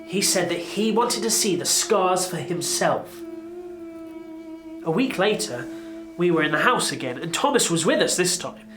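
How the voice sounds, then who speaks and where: A man's voice: high-pitched, lively intonation, a little slow, music in the background. A man playing an apostle, narrating his memories in an earnest, reflective way. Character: older male apostle recalling his past. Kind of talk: dramatic narration.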